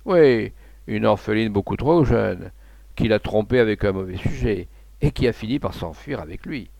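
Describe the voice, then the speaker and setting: A man's voice: lowish voice, lively intonation, moderate pace, creaky, a little mellow, no echo. A man voicing a stout official's wife who gossips knowingly in a storybook reading. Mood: gossipy. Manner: gossipy, confiding.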